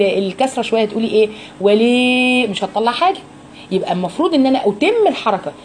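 A woman's voice: on the high side, darkish tone, slight background noise. A woman with an Egyptian accent teaching a Quran recitation lesson to women. She explains each rule patiently, asks her students questions and models every sound. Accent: Egyptian Arabic.

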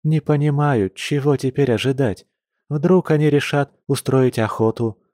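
A man voicing an anxious, tender young woman who is a bear shapeshifter, speaking softly with sighs. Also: mid-range voice, unhurried, dry recording, studio quality, pitched above the performer's own voice, lightly acted. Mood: worried.

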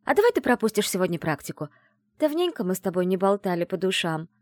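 A woman voicing a lively, scheming young female student of magic who talks bossily and excitedly. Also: mid-range voice, dry recording, studio quality. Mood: cheerful, coaxing. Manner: bossy, fast and excitable.

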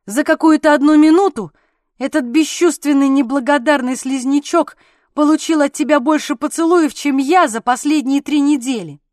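A woman voicing a jealous, petulant young husband who complains loudly in an audiobook. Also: high-pitched, normal speed, no echo, clean studio sound, pitched above the performer's own voice, close to an everyday voice. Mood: angry complaining. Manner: loud, sulky and exasperated.

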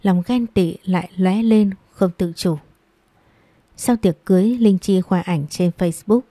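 A woman narrating a dramatic audiobook story in a measured storytelling manner, recorded close on a mic. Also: on the low side, mellow, no echo.

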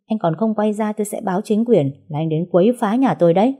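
A woman's voice: medium pitch, quick pace, warm tone, pitched above the performer's own voice, close to an everyday voice. A woman voicing an indignant elderly father who scolds his son-in-law. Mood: stern. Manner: stern and breathless with anger.

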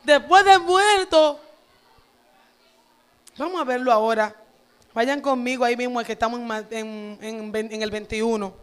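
A woman's voice: fairly high pitch, level tone, normal speed, clean tone. A woman pastor, preaching a fervent sermon in a church with repetitive phrasing. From Dominican Republic.

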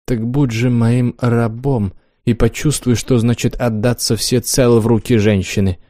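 A man's voice: mid-range voice, fairly even intonation, measured pace, mellow, no room sound, clean studio sound, lightly acted. Wanda, a man reading an imperious noblewoman. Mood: commanding. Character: haughty cruel young noblewoman with a whip.

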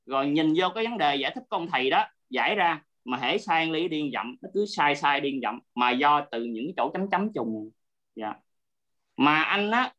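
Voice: medium pitch, a bit bright. A teacher explaining a Buddhist text in an online class, patiently checking that the student is keeping up. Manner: patient, checks often that the listener is following. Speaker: Abhidhamma teacher. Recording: dull lo-fi audio.

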